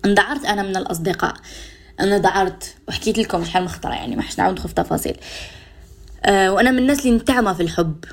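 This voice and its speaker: A woman radio host with an Algerian Arabic accent talks at a rapid clip, her pitch sitting in an ordinary middle range. She speaks directly to her listeners and walks them through examples. She mixes French and English words into her dialect. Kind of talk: advice talk to listeners.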